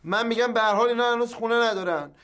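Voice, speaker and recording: Brief: a high-voiced eldest son, all bluster, folds quickly under pressure. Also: male voice, fairly bright tone. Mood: arguing. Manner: blustering then meekly giving in. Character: excitable grown son, quick to bluster and then back down. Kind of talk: sitcom acting.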